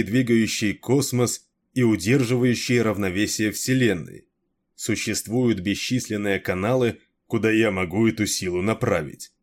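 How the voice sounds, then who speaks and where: A man voicing a weary, cursed immortal man who speaks slowly and gravely in an audiobook reading. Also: fairly low pitch, close to an everyday voice.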